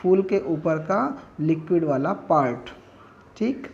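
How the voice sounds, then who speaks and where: Male teacher, unhurried classroom drill, slightly high voice, lo-fi sound. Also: lively intonation, vocal fry, darkish tone, a little hiss or hum. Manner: repeats words slowly for students to echo, with frequent check-ins. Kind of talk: classroom vocabulary lesson.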